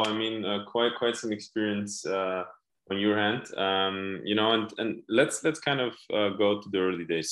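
Male podcast host, somewhat low voice, loose filler-laden interviewer, echoey room. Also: a bit bright. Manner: rambling questions full of fillers. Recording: roomy echo.

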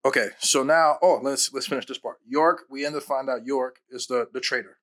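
A man co-hosting a casual podcast chat, agreeable and quick to echo his partner with short affirmations. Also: mid-range voice, a bit bright. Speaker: podcast co-host.

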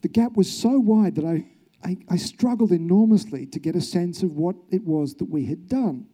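Speaking at a moderate pace in a warm, high-pitched voice, an Australian journalist shares a personal story before an audience. His delivery is earnest and reflective, sprinkled with rhetorical questions.

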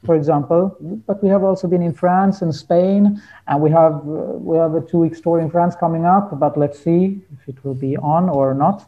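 Over phone-quality sound, a man with a slightly high voice talks at normal speed. He's a folk musician chatting as a guest in a casual interview, hesitant and hunting for words in non-native English.

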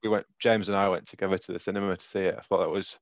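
A man with a Yorkshire accent talks through his favourites of the year in a relaxed, rambling way, full of ums and easy laughs. His voice sits low, and the sound is dry and a little dull, as if through a modest microphone. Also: rapid-fire, no echo. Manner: laughing, rambling with many fillers. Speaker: podcast co-host. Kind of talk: casual chat.

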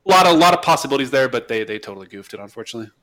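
A man's voice: medium pitch, racing. Guy on a game podcast ranting, lots of restarts, casual chat. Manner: animated, restarts words, ranting. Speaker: podcast co-host. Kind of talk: casual chat about video games.

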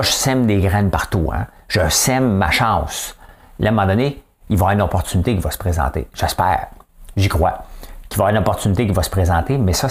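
A middle-aged man with a Quebec French accent talks through a casual vlog monologue, chatty and often asking for agreement. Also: deep voice. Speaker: vlogger.

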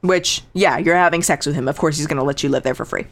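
Woman, low voice, casual storytelling, wry sarcastic asides, podcast co-host. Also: fast talker. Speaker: podcast co-host telling a true crime story.

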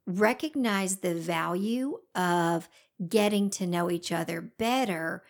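A woman's voice: on the low side, slow. A woman with an American Southern accent chatting casually as a co-host, with wry, self-deprecating banter. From southern United States. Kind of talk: casual co-hosted chat.

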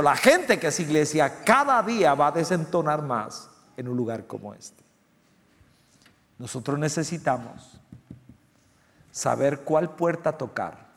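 A middle-aged man preaching a sermon, emphatic, with loud stressed lines and soft low asides. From Central America. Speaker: pastor. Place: church sanctuary. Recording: long church hall reverb.

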